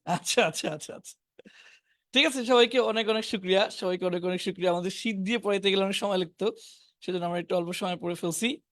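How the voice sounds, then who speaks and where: A man's voice: high-pitched, fairly bright tone, no echo, clean studio sound. Bengali-accented man teaching English vocabulary. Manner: reads word lists slowly, pairing each English word with its meaning. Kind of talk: online spoken English class.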